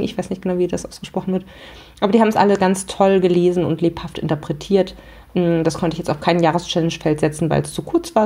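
Female podcast host, casual chatty review, low and mellow. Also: husky. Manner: chatty, many fillers.

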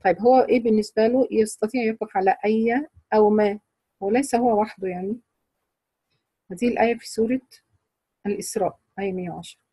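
Husky-voiced Egyptian woman teaching. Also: medium pitch, fast talker, long pauses, warm tone, dry recording. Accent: Egyptian Arabic. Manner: patient, explanatory, quizzes students. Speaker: Quran recitation teacher. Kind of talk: explaining recitation rules to a class.

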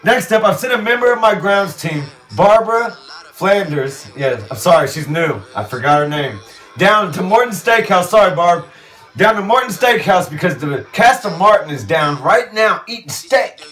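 A man with a slightly high voice hosts his show in a blunt, ranting manner. His voice sits a bit far from the mic, and faint music runs behind it. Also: animated, normal speed, fairly bright tone. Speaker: host. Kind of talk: casual show intro.

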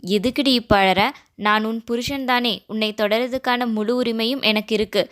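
A woman reading a storybook, voicing an angry and hurt young husband who shouts accusations at his wife. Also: a little high, steady tone, normal speed, lightly acted.

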